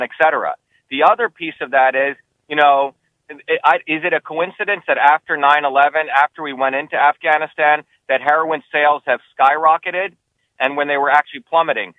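A man's voice: dry recording, narrow, tinny audio. A man, who grew up in New Jersey, answering interview questions as a political candidate, talking emphatically and insistently. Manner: emphatic, insistent, rising pitch when heated.

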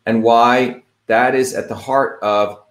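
A man's voice: mid-range voice, fairly even intonation, slow. Emphatic man from India, echoey room. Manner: digressive, emphatic, frequent fillers and quote-unquote asides. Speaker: host of an online talk. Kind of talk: casual lecture-style talk.

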